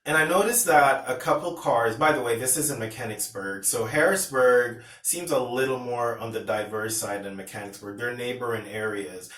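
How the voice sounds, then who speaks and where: Speaking to camera, a vlogger from Pennsylvania rambles casually through a personal story, restarting and retelling dialogue as he goes. His voice is medium-pitched and a bit bright, with a moderate pace and few pauses. The recording sounds roomy, as if he's distant from the mic.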